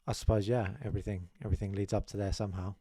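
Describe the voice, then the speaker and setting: Speaking in a fairly low, flat, somewhat mellow voice at a rapid-fire clip, this young podcast guest from South Africa rambles modestly through a casual interview about his life, restarting sentences again and again. He sits in a small studio room hung with curtains, wearing headphones and using a boom-arm desk mic. The recording is dry.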